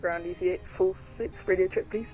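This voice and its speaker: A man's voice: sits high, fairly even intonation, a little fast. A man playing an airline pilot on online flight-sim radio, making clipped calls to ground control over a narrow, tinny radio transmission. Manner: clipped aviation radio phraseology. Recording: tinny radio-channel audio, faint music behind.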